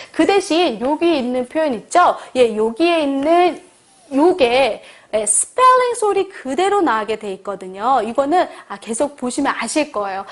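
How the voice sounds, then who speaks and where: High-voiced woman teaching beginner English. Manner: patient, repeats phrases slowly for learners to echo; checks in often with friendly prompts.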